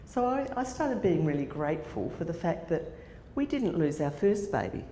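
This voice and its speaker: Holding a handheld mic in a conference hall, a woman in her sixties with an Australian accent shares a personal story with the audience, using fillers and restarting at times. She sounds very animated and warm, her voice on the low side at a moderate pace. The hall is echoey, with faint background noise.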